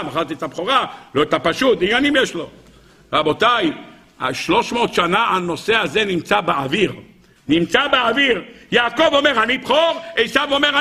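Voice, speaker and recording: A rabbi giving an animated Torah lecture, firing rhetorical questions at his listeners. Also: a little high, creaky, slightly rough.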